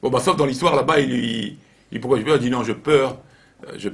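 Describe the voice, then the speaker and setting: Man, rabbi, informal Torah lesson, animated storytelling, repeats phrases. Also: mid-range voice, fairly quick.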